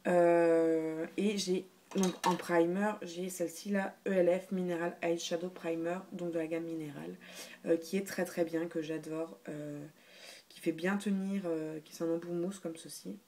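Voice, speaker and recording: A woman's voice: lowish voice, flat delivery, measured pace, warm tone. A woman chatting casually through a beauty haul video, hesitant, with many fillers and restarts. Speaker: beauty vlogger.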